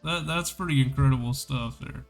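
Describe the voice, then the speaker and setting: A man's voice: mid-range voice, moderate pace, creaky, over music. A man hosting a casual hockey podcast on a livestream, chatty and enthusiastic, rambling as he goes. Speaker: podcast host.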